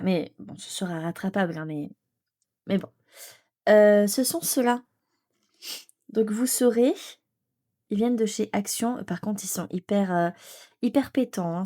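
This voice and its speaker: A woman's voice: mid-range voice, a little mellow. A woman chatting casually and enthusiastically as she shows her coloring work, with many fillers and restarts. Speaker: coloring vlogger. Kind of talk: casual show-and-tell chat.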